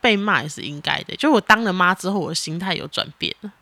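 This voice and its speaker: A woman, chatting casually on a podcast as a mother talking with her child, animated and exasperated in a teasing way. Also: lowish voice, fast, dry recording.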